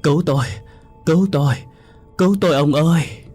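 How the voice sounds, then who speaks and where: A man's voice: on the low side, lively intonation, moderate pace, slightly rough, soft background music. A man voicing a terrified old grandmother who stammers and shrieks in panic.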